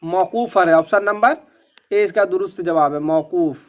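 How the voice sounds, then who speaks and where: A man's voice: sits high, moderate pace. A man teaching an exam-preparation lesson in a methodical way, repeating each question and its answer.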